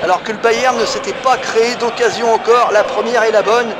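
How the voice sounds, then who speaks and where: A man giving excited sports commentary on a football match, exclaiming dramatically and repeating phrases for emphasis. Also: very high voice, fairly quick. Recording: loud stadium crowd noise behind. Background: cheering crowd and stadium ambience.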